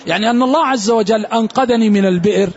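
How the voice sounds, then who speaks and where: A man giving a Quran exegesis lesson, explaining and reciting verse readings slowly. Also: high-pitched, dull audio. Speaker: Quran teacher.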